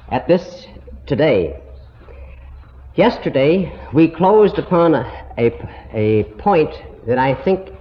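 A man giving a slow, deliberate Bible lesson to a congregation, heard on an old, muffled tape recording. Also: on the high side. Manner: slow, deliberate, explanatory teaching. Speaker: Bible teacher.

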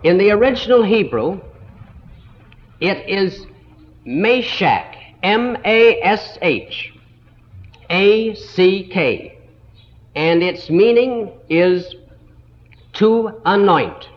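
A man teaching a Bible school lesson in a slow, deliberate way, stopping to spell out words letter by letter, heard on an old 1960s tape recording. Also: high-pitched, lively intonation, highs cut off.

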